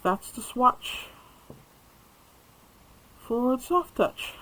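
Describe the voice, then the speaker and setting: A man's voice: very high voice, very animated, extremely slow, pushed and bright, low-quality recording. A man chatting casually while he crochets and reviews hooks on camera, rambling and muttering asides to himself.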